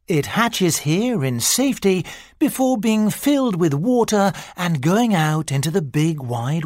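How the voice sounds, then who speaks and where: A narrator reading a mock-serious nature documentary script for a listening exercise, in a measured, scripted delivery. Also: medium pitch, dry recording, studio quality.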